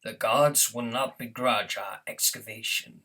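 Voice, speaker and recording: A man voicing a thunderous, wrathful alien prophet from a video game, pompous and zealous, with a husky, gravelly, breathy voice and grand, solemn oratory. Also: medium pitch, fairly even intonation, unhurried, bright, forceful tone, far from the mic. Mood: reverent, grandiose. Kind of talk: theatrical game villain impression, grand speeches.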